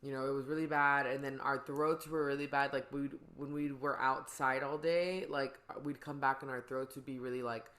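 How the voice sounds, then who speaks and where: A woman's voice: rumbling low, steady tone, moderate pace, hardly any pauses, a bit bright. A woman hosting a podcast, chatting casually in a rambling, slangy way. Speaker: podcast host. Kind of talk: casual chat.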